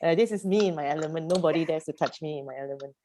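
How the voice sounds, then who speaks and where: Woman facilitator on a video call, slightly low, mellow voice, emphatic, rhetorical. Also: rapid-fire, slight background noise. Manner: emphatic, full of rhetorical questions. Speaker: youth program facilitator. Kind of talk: animated group coaching.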